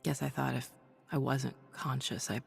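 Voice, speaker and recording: An actress playing Jane Foster, a wry, confident scientist turned thunder hero, in video game dialogue with dry understatement. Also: female voice, rumbling low, steady tone, moderate pace, creaky, slightly rough, faint music behind, heavily acted. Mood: distraught, subdued.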